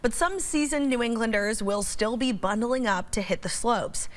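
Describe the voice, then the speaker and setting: A woman anchoring a late news broadcast from a studio, with a smooth, scripted delivery. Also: a little high, moderate pace.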